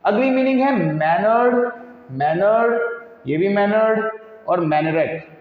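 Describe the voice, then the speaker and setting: A man's voice: high-pitched, lively intonation, slow. A man with an Indian accent teaching exam vocabulary in an instructional tone, spelling words out letter by letter and calling his students dear children. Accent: Indian English. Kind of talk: exam-prep vocabulary lesson. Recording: echoey roomy reverb, dull lo-fi sound.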